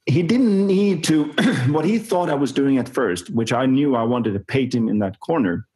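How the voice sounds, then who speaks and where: A performance coach tells an anecdote during an interview, acting out the dialogue animatedly and chuckling often. His voice is mid-range and darkish with a breathy edge, at a moderate pace.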